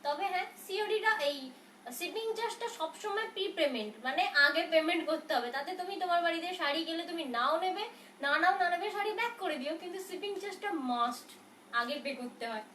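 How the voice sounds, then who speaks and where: A high-voiced woman chats through a live saree sale. She is soft-spoken, reassuring, and answers questions as they come in. Her voice echoes around a room and sounds set back from the mic. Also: lively intonation, fast talker. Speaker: saree seller on a live stream. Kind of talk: casual live sales talk. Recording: roomy, from a distance, faint noise.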